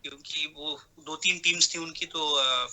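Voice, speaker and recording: Bright-voiced male actor guest. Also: fairly high pitch, steady tone, unhurried, rough recording. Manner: mixes English phrases into Hindi talk; hesitant fillers before answers. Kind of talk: casual interview answers.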